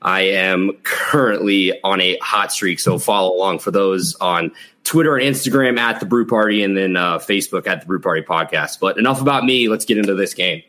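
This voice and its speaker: A man's voice: low-pitched, fairly quick, bright, forceful tone. A man from the Chicago area chatting casually about sports as a podcaster guest. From Chicago area, United States.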